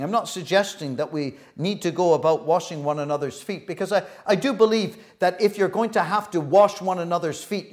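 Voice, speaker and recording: Earnest man preaching with halting restarts. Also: fairly high pitch. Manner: swings between soft reflective and loud emphatic. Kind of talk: sermon.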